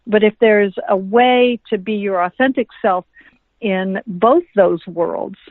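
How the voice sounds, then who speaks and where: A woman guest speaking by phone on a radio show, her voice mid-pitched and close. She explains ideas in a measured, thoughtful way. The line is thin and tinny. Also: no room sound. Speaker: guest author. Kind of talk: interview answers.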